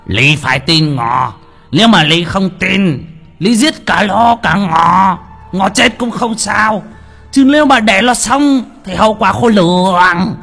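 A man voicing an old blind Taoist exorcist who shouts urgent warnings and uses Cantonese-style pronouns, over faint music. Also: high voice, lively intonation, takes it slowly, vocal fry, breathy edge, voice pushed up, exaggerated voice. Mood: urgent, shouting.

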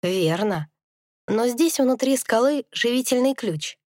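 A woman's voice: fairly high pitch, expressive, slow pace, a little mellow, dry recording. Woman doing wise old she-wolf grandmother, wry, knowing, fantasy storybook, dry sound.

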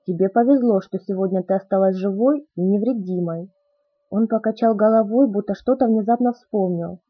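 A woman reading a novel aloud as first-person narration in a steady, soft storytelling manner. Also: medium pitch, moderate pace, husky, no room sound. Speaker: audiobook narrator. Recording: tinny phone-like audio.

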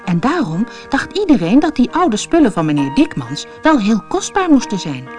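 A woman's voice: fairly high pitch, big pitch swings, normal speed, darkish tone, soft background music. A woman reading a children's fairy tale aloud as a storybook narrator, telling it expressively.

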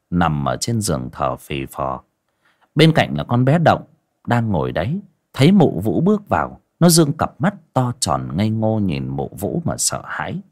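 Husky, expressive male storyteller. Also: medium pitch. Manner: expressive, dramatic. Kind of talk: dramatic story narration.

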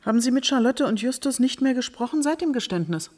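A woman's voice: high-pitched, lively intonation, a little mellow. An actress playing an impulsive, curious woman journalist who asks pointed questions in a radio drama. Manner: impulsive, quick, probing questions.

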